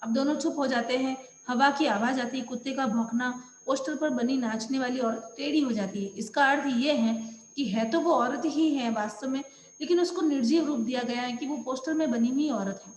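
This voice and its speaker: A woman's voice: sits high, normal speed, reverberant, long reverb tail. A woman teacher explaining a play to schoolchildren, stopping to define words one by one. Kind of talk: explaining a school lesson to children.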